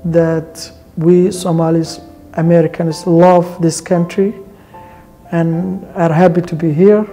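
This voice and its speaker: A man delivers a composed, formal statement in a very dark, mellow voice. His pitch stays flat and steady throughout. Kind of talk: interview testimonial.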